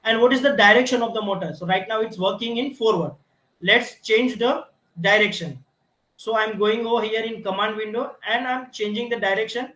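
A man's voice: high voice, normal speed, fairly bright tone. A man teaching a technical lab demonstration, explaining step by step with frequent restarts and repeated "you can see". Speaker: instructor. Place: automation lab with equipment. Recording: echoey room.

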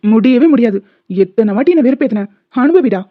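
A petty, gloating male college principal teases his friend in a cartoon, played by a woman. His voice sits high and the sound is tinny and narrow, as if through a phone. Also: expressive, moderate pace, no room sound. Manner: mocking, gloating.

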